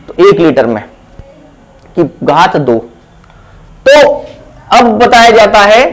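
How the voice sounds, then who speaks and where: A man teaches a chemistry exam lesson in a fairly high voice. He talks slowly and steadily, repeating terms and asking the class questions that he answers right away. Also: low-quality recording. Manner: slow, repetitive, asks rhetorical questions then answers them. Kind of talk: exam-prep lesson explaining at a board.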